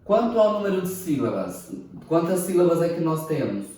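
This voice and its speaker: A man teaching a recorded class, speaking slowly and deliberately, spelling out words syllable by syllable and often checking "ok?". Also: fairly high pitch, big pitch swings, warm tone. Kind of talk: recorded online class lecture. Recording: echoey room, mic far off.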